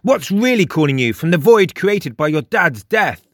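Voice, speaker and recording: Playing a pompous young mystic in a storybook, this male narrator raises his voice above its natural pitch to a fairly high register, swinging widely in pitch at normal speed. He sounds knowing and urgent in this audiobook dialogue, recorded at studio quality with no room sound.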